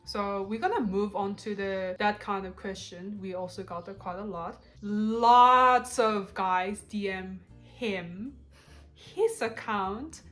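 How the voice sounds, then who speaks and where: A young adult South Korean woman with a Korean accent co-hosts a couple channel and chats bluntly through a casual Q&A video. Her mid-range voice moves slowly with a fairly bright tone, and she's chatty and laughs often, with faint music in the background.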